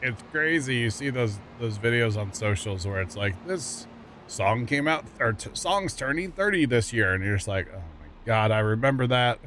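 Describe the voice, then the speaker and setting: A man's voice: mid-range voice, expressive, moderate pace, fairly bright tone. A middle-aged man hosting a gaming livestream in casual chat, teasing his co-player and humming along. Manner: teasing, jokey, hums while playing. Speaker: livestream host. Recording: game vehicle engine noise behind.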